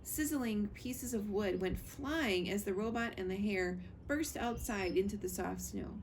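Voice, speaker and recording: Reading a children's story in a librarian's manner, this woman speaks unhurriedly in a medium-pitched voice. The recording was made on a screened porch, with clear outdoor noise behind her.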